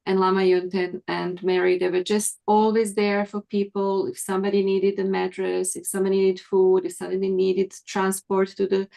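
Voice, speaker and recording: Woman host, earnest and grateful, gravelly fry, video-call mic. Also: medium pitch, monotone, moderate pace, few pauses, dark tone. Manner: earnest, thankful, with restarts and fillers. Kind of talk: reflective speech to an online group.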